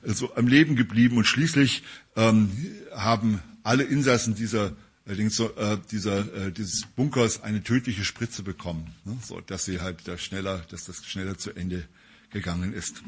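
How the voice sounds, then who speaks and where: A man's voice: on the low side, steady tone, normal speed, breathy edge. A man preaching a casual sermon to a congregation in a conversational way, with frequent tag questions and hesitations. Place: church service.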